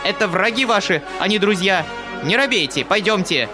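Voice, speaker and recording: A man voicing a shrill, furious, domineering noblewoman who scolds and shrieks at everyone. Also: animated, normal speed, over music. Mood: shrieking fury.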